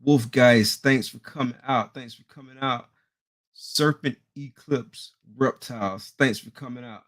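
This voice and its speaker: A podcast host with a medium-pitched, slightly slow voice runs a live interview stream. Hyped and slangy, he shouts out viewers from the chat by name before bringing in his guest.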